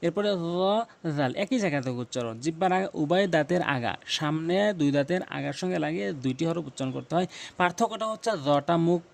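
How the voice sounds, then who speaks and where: A man with a slightly high, gravelly voice gives a pronunciation lesson for Quran recitation. He sounds each letter slowly and repeats it several times. He pauses with hesitant fillers between his explanations. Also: animated.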